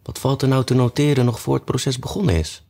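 A man's voice: mid-range voice, steady tone, a little fast, vocal fry, dark tone, pitched above the performer's own voice, lightly acted. Man doing curious young Alice. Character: young girl, curious and indignant.

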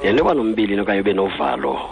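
A man's voice: low voice, big pitch swings, racing. A man with a Xhosa accent, calling in to a radio show to ask questions. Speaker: radio phone-in caller. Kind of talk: asking questions on a live call-in. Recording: phone call with crowd noise behind.

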